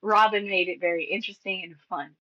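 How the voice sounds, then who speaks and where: A woman's voice: lowish voice, quick pace, sharp tone, highs cut off. A young woman co-hosting a casual movie podcast, supportive and a little rambling. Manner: supportive, rambling with fillers and restarts. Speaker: podcast co-host. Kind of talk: casual movie-rewatch chat.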